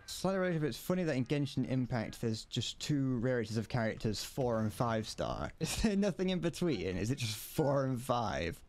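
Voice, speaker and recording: A man's voice: medium pitch, very animated, moderate pace, few pauses, darkish tone. A young man from the UK who streams games and makes casual, rambling, profane jokes as he plays. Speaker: gaming streamer. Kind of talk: casual commentary while gaming.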